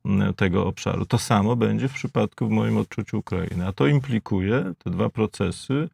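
A man in his fifties with a Polish accent, a debate guest who speaks in a measured way with stammering restarts, on a lapel mic in a studio. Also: fairly low pitch, creaky, a little mellow, breathy edge. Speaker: debate guest, geopolitical analyst. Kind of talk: panel debate. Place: studio with blue backdrop.

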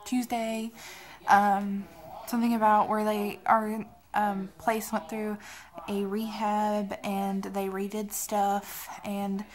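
A woman's voice: medium pitch, completely flat delivery, slow. A woman in her twenties rambling casually to camera in a vlog, sounding sick, tired and drowsy. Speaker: vlogger. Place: small cluttered bedroom, indoors.

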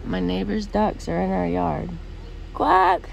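A young woman chatting candidly in a casual vlog, hoarse from a cold and hard on herself about her workouts. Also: medium pitch, lively intonation, moderate pace, slight background noise. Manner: candid, self-critical, laughs often. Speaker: CrossFit athlete vlogger.

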